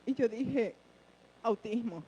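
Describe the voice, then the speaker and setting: A woman's voice: a little high, expressive, takes it slowly, dark tone, slightly rough, low-quality recording. A woman giving an earnest personal testimony in church, short of breath with emotion and speaking straight to her listeners. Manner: earnest, addresses listeners directly.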